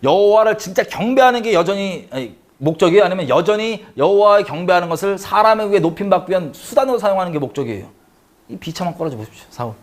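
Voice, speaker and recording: A man from South Korea teaching a Bible study at a rapid clip. His voice sits a bit high for a man. He talks conversationally and keeps putting questions to his listeners. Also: animated.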